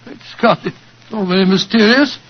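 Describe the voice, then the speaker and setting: A muffled 1940s radio drama recording carries a genial older English doctor. His voice sits high for a man. He is avuncular and hearty, a loyal friend with old-fashioned turns of phrase. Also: normal speed. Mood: puzzled, curious.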